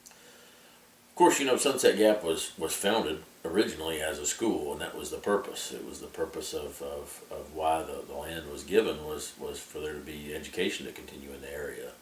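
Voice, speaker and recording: A man's voice: very deep voice, moderate pace. A man casually recalls his childhood, repeating words as he feels his way along. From Appalachian Tennessee, US. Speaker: interviewee sharing memories. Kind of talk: casual oral-history recollection. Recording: echoey room, distant mic, background noise.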